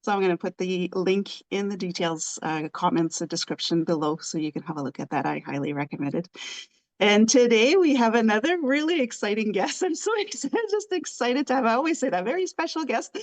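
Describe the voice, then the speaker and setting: A woman's voice: mid-range voice, lively intonation, a little fast. A woman hosting a podcast and introducing her guest. She sounds enthusiastic and chatty, and she laughs easily between sentences. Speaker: podcast host. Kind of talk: podcast interview.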